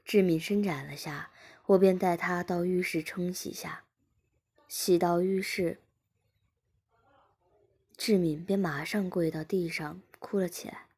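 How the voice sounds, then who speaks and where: A woman reading a story aloud in a steady, hushed whispered role-play. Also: lowish voice, a little slow, long pauses, husky. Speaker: story reader.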